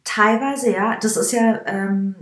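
A woman's voice: medium pitch, takes it slowly. A woman in her thirties from Bavaria, talking bluntly and laughing often as a guest in a casual podcast chat. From Bavaria, Germany. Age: 30s. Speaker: guest, hairdresser. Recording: roomy echo.

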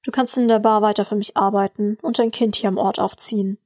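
Eine Frau spricht einen ruhigen, selbstsicheren älteren Barbesitzer in einer Hörgeschichte, langsam und beschwichtigend. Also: female voice, mid-range voice, fairly even intonation, fairly quick, darkish tone, no echo, studio quality, lightly acted. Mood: soothing. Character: older man, bar owner, calm and self-assured.

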